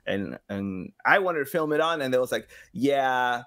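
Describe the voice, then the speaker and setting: Recorded in a small home room with guitars, a man in his thirties who works as a game studio's engagement director and sound designer joins a podcast as a guest. In a mid-range voice at a moderate pace, he tells stories casually and animatedly, acting out little quotes.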